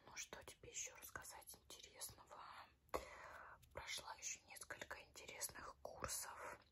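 Whispering young woman in an ASMR role-play. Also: moderate pace. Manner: chatty, rambling, offhand. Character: chatty, tactless, self-promoting female makeup artist. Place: small room at home, indoors.

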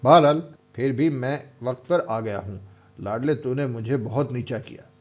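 A man reads as a harsh, bullying strongman in a storybook, his voice at a middling pitch and slightly dull on a lo-fi recording. He scolds and taunts in a rough, commanding manner. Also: normal speed, a little mellow, lightly acted. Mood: taunting. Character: gruff older male strongman mentor, stern and mocking.

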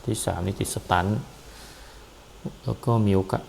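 A man casually explaining a game's character class and skills, relaxed and hesitant, with frequent pauses and fillers. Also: a little hiss or hum, low-quality recording. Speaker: gameplay commentator. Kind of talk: casual game walkthrough.

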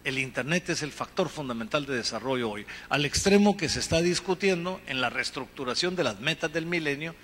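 A middle-aged man from Guatemala speaks on a conference stage through a handheld mic, his voice pitched a little high for a man. He talks in an earnest, measured way, building points one after another. The sound carries a long hall reverb with a faint hum of the room beneath it. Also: animated, a bit bright. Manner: earnest, measured, gesturing with his free hand. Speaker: panel speaker. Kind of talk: conference panel talk. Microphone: handheld microphone.

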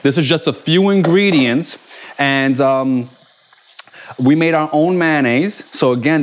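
A man in his forties co-hosting a live cooking show from a home kitchen, chatty and upbeat as he cooks and answers questions. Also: mid-range voice. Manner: upbeat, chatty, calls his partner baby.

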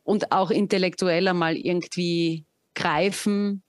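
A woman in her thirties, a musician appearing as a podcast guest, chats casually over a video call from a home room lined with bookshelves. Her fairly low voice is clean and fairly even in intonation, at a measured pace with no echo, as she speaks thoughtfully and searches for words.

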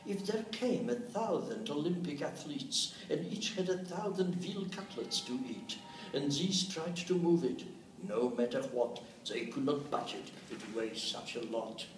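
Here the same kind of scene: a man in his eighties, a translator, recites poetry expressively with rhythmic stress and comments between lines, indoors in a meeting room. His voice is fairly high with lively intonation and a measured pace. Picked up by a nearby camera or phone, the audio is roomy and distant with faint noise.

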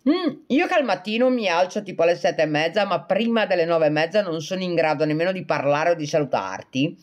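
A woman's voice: fairly low pitch, quick pace. A woman hosting a casual livestream, chatting with viewers in a joking way, reading out their comments and replying. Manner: chatty and joking, breaking often into laughter; reads out and answers viewer comments. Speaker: livestream host.

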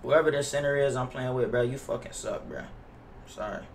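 Speaking briskly with vocal fry, this young man chats on a live stream of a basketball video game, reacting to the play with slang, swearing and frequent complaints. His mid-range voice is captured from a distance, with roomy echo, noise and clicking keys.

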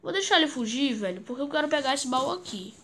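High-voiced excitable Brazilian woman gamer. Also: quick pace. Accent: Brazilian Portuguese. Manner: excitable, chants words over and over. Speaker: gaming YouTuber. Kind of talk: gameplay commentary.

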